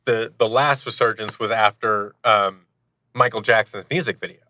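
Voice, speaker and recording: The speaker is a man in his thirties who produces and acts in audio dramas, telling self-deprecating stories animatedly as a casual podcast guest. His lowish voice keeps a fairly even intonation at normal speed, bright and forceful, with no echo.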